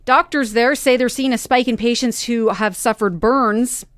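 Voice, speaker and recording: A woman's voice: fairly high pitch, normal speed, dry recording. A woman co-hosting a morning radio show, reading news and chatting through the details with her partner into a studio mic. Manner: conversational, explains numbers. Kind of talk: reading news stories on air.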